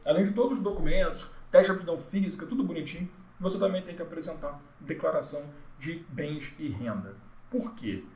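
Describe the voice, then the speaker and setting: Brazilian male law tutor, slightly high voice, chatty and jokey, echoey room. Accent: Brazilian Portuguese. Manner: joking, chatty, acts out quoted people. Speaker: exam-prep law teacher. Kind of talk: informal recorded lesson.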